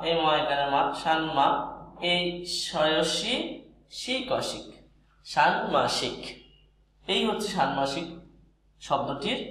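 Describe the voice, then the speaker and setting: A man's voice: high voice, fairly bright tone, slight background noise. A man teaching pronunciation, explaining each step methodically and repeating examples. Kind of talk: pronunciation lesson. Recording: very echoey room.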